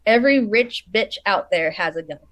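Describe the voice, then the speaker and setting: A woman co-hosting a podcast, chatty and animated as she tells stories, laughing often. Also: mid-range voice, moderate pace, no echo. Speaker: podcast co-host. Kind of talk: casual conversation.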